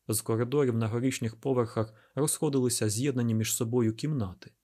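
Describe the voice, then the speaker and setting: A man narrating an audiobook in a steady, even reading voice. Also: medium pitch, slightly rough. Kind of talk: scripted narration.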